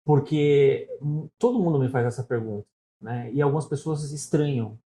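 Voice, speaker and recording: Casual and talkative, this middle-aged Brazilian interview guest tells stories in São Paulo-accented Portuguese, repeatedly adding "né?". He speaks at normal speed in a dark, mid-range voice.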